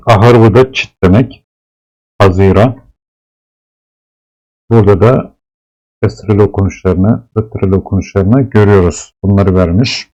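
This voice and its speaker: A man teaching Arabic letters, explaining slowly and patiently and repeating each sound several times. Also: fairly low pitch, warm tone, muffled recording. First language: Turkish. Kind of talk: slow classroom explanation of letters.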